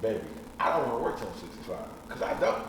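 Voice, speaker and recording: A man's voice: on the low side, sing-song, quick pace, recorded from a distance. A man in his thirties, a podcast guest talking frankly and bluntly in casual chat, swearing casually. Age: 30s. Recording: echoey room, off-mic, faint noise.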